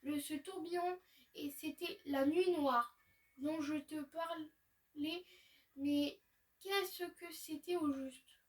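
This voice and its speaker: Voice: high-pitched, slow pace, long pauses, recorded from a distance. A gamer reading a friendly young researcher.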